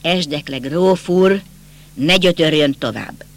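A man's voice: fairly high pitch, lightly acted. A man voicing a timid, tormented country priest in an audiobook, stammering meekly and pleading. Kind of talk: audiobook character reading.

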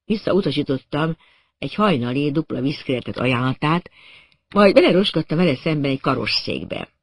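Male narrator, dry wit, slightly high pitch, dead studio sound. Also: big pitch swings, dry recording. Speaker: audiobook narrator. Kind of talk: scripted narration.

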